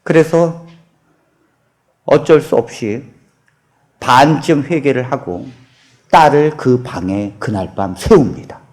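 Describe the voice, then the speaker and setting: A middle-aged man preaching a sermon, telling a folk tale with lively asides to the congregation. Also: mid-range voice, slow pace, pauses often. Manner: animated storytelling with asides. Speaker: pastor. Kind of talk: sermon storytelling.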